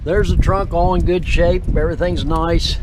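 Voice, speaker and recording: A man's voice: fairly high pitch, level tone, normal speed. A man presenting a car in a casual, rambling walk-around, raising his voice over the wind outdoors. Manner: rambling, jumps between points. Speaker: car dealer presenting vehicles. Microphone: camera's built-in microphone. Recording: loud wind noise on camera microphone.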